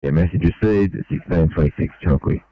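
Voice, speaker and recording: Very deep-voiced man over a radio. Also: dry recording. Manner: reads back messages slowly and evenly. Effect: heard over a two-way radio. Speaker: emergency radio dispatcher. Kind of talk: clipped radio procedure. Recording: dull lo-fi radio transmission.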